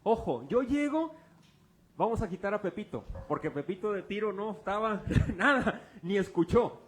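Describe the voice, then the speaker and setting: This male pastor sounds high and animated, moving at an ordinary speed. His preaching is casual and full of jokes, with fill-in-the-blank quizzes for the congregation and object illustrations.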